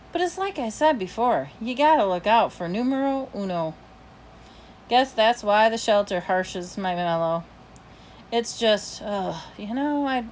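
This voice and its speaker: A woman's voice: medium pitch, a little hiss or hum. A woman reading a children's novel aloud, narrating chattily and expressively in the first person as a dog. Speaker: reader.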